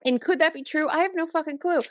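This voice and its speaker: A woman co-hosting a podcast in casual chat, ranting in an animated, exasperated way with many restarts, close to her microphone. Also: high voice, quick pace, no echo. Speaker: podcast co-host. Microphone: close podcast mic.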